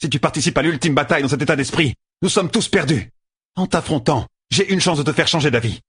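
A man voicing a defiant young woman leader in an audiobook, his husky voice pitched far up and scolding. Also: fast talker, a bit bright. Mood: stern.

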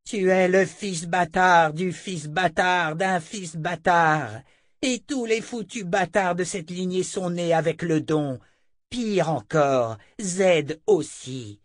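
Cold imperious old seer woman, read by a man, slow and dry. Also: a little high, expressive, no echo, pitched above the performer's own voice. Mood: scornful. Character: old female seer, harsh and scornful. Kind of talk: audiobook character voice.

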